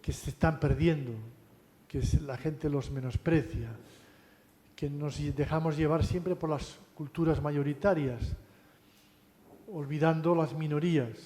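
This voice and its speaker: A man's voice: fairly high pitch, warm tone. Lecturing man in a reverberant hall. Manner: conversational, tag questions, frequent restarts. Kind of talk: university lecture.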